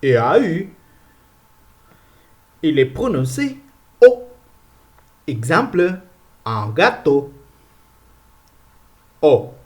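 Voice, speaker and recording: Slow, deliberate male pronunciation teacher. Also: on the high side, big pitch swings. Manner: repeats each sound slowly and clearly.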